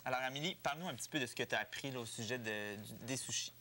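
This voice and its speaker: A young host with a Quebec French accent presenting a student show in a brisk, casual way. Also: medium pitch, bright, forceful tone.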